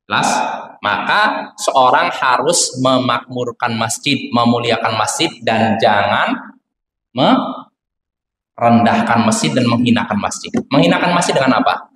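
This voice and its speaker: A man's voice: mid-range voice, animated, measured pace. A male Islamic teacher giving a religious lesson to children in a mosque, constantly quizzing his listeners with questions. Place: mosque prayer hall. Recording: echoey hall with faint ambient noise.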